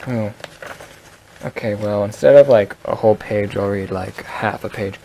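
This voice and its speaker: A man's voice: fairly low pitch, moderate pace, vocal fry, dark tone, slight background noise. A man reading a story aloud on a cheap microphone without a pop filter in an untreated echoey room, stumbling over words and breaking off for playful asides. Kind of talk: reading a story aloud in an old test recording.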